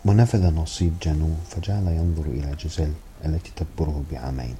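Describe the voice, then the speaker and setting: A man reads a novel aloud in a measured, literary way. His voice sits very low, and it has a very dark, mellow tone throughout. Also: a little hiss or hum. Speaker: audiobook narrator. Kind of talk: scripted novel narration.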